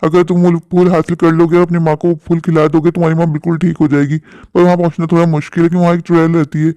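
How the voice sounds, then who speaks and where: A man's voice: a little high, level tone, very fast, no room sound, natural voice. A man voicing a kindly older man. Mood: gentle. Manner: gentle, advising. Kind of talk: cartoon voice acting.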